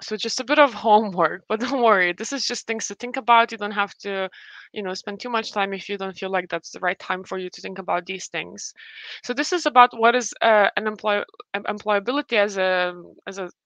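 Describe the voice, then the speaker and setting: A Lithuanian woman in her late twenties, a university representative, gives a friendly webinar presentation in English with a Lithuanian accent, full of fillers and restarts. Her medium-pitched, fairly bright voice runs a little fast. The recording is low quality with no room sound.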